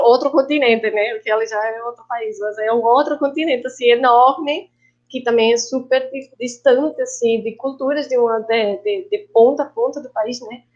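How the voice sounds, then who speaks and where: Colombian woman, Spanish native, guest panelist, halting reflective delivery, slightly high voice, dull video call audio. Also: darkish tone. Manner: reflective, halting, slips Spanish words into Portuguese. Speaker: guest filmmaker and actress. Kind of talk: online panel talk.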